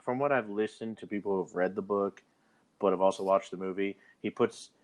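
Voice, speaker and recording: Low-voiced man leading a rambling chat. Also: steady tone, fairly quick, a little mellow. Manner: rambling, restarts sentences often, leads the discussion. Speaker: podcast co-host. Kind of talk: casual chat.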